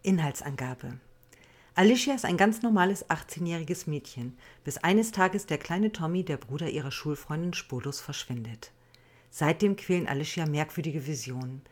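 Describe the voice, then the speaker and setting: Female author reading her book aloud; low, husky, steady storyteller. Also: normal speed. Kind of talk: audiobook reading.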